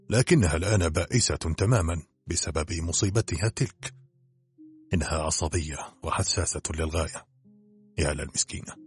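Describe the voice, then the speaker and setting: A man's voice: low voice, slightly rough. An actor playing a curt, self-assured older male doctor in an audiobook drama.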